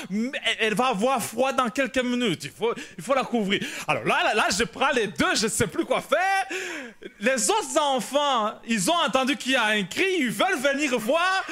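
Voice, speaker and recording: A male pastor, telling a personal story in a sermon, animated and shouting at the dramatic moments. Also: very high voice. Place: church prayer meeting.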